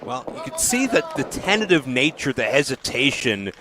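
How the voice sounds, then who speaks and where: A man's voice: mid-range voice, big pitch swings, moderate pace, a crowd in the background. A man calling a lucha libre match as a play-by-play wrestling announcer.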